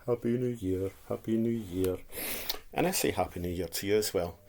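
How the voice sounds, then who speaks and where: With slight background noise, a deep, slightly mellow male voice speaks briskly with fairly even intonation. He's a vlogger in his fifties from Scotland, with a Dundee accent and an impediment that turns r into w, rambling casually and repetitively in plain speech.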